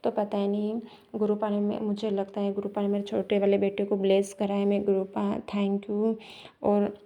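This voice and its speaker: A middle-aged woman giving a halting devotional testimony of thanks, with many restarts and fillers. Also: medium pitch, monotone, highs cut off.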